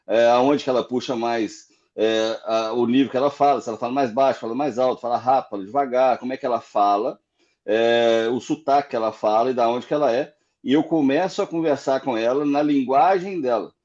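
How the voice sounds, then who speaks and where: A man's voice: medium pitch, warm tone, muffled recording. A Brazilian man on a group call, explaining his view of a retail fair and building each point with repeats. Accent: Brazilian Portuguese. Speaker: delegation member. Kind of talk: casual chat on a group call.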